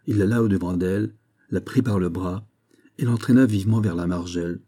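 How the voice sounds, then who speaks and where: Low, dark-voiced man reading an audiobook. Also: a little fast. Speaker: audiobook reader. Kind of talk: scripted audiobook narration.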